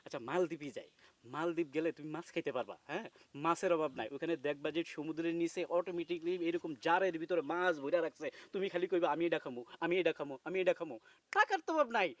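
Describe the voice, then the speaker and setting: A man's voice: on the high side, lively intonation, dry recording, close to an everyday voice. An actor playing a husband who swings from sweet-talking to bullying his wife, in a comedic TV drama. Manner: blustering, quickly shifting from sweet-talk to bullying.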